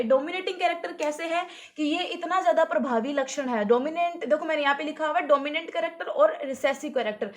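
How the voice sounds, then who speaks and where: A woman teacher explaining at a whiteboard, asking herself questions and answering them, and repeating key points. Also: high voice. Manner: asks rhetorical questions then answers them. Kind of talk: whiteboard lesson.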